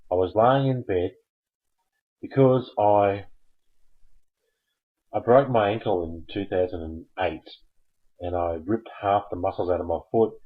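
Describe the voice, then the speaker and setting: A man's voice: low voice, breathy edge, muffled recording. A man hosting a live call-in stream, chatting casually and jokingly coaxing viewers to phone in. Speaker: host of a live call-in show.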